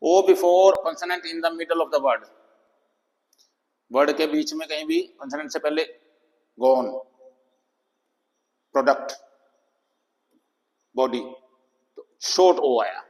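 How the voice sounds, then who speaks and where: Slow man teaching in echo. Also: fairly high pitch, very animated, darkish tone. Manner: slow, deliberate, reading English headings aloud. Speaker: English teacher. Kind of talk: phonics lesson. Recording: long echoing reverb.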